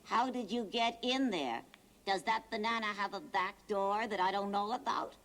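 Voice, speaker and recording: A woman's voice: mid-range voice, moderate pace, a bit bright, natural voice. A woman voicing a cheeky, wisecracking young male horse puppet on a children's show, with a brash, slangy manner. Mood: amazed.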